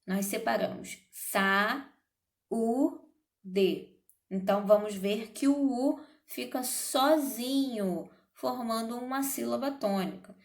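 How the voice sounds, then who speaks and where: A woman teaching a grammar lesson, speaking deliberately and checking in with her students as she explains. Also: fairly high pitch, creaky, a little mellow, echoey room. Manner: slow, deliberate, checks in with "certo?" and "ok?". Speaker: Portuguese teacher.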